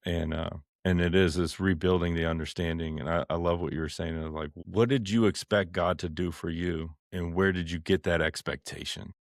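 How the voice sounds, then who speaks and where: Male podcast host, very low voice, dry close studio sound, reflective and probing. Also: fairly even intonation, moderate pace, gravelly, few pauses, dry recording. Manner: reflective, asks probing questions. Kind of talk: faith conversation.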